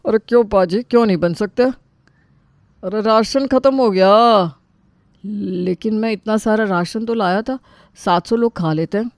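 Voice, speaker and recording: A woman's voice: medium pitch, moderate pace, a little mellow, no room sound, lightly acted. A woman voicing a flustered middle-aged man hosting a wedding in a cartoon, harried and placating. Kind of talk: cartoon voice acting.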